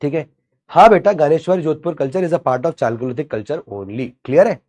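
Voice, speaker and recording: A man's voice: a little high, moderate pace, a little mellow. A man teaching an online exam-prep history class in a chatty way, asking and answering his own questions and mixing in English terms. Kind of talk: online lecture.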